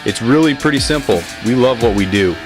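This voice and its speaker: A man's voice: mid-range voice, lively intonation, brisk. A man giving scripted commercial narration as the voice of an advertisement. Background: guitar music.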